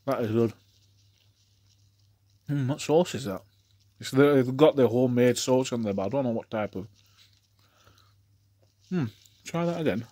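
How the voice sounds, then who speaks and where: A man's voice: mid-range voice, measured pace, long pauses, dark tone, no room sound. Give me a man talking with his mouth full. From England. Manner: rambling, repeats himself, enthusiastic about food. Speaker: food reviewer. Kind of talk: casual food review vlog.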